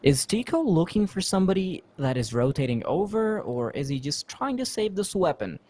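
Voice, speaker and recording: Relaxed male esports color commentator. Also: sits high, normal speed, slight background noise. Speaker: esports co-caster.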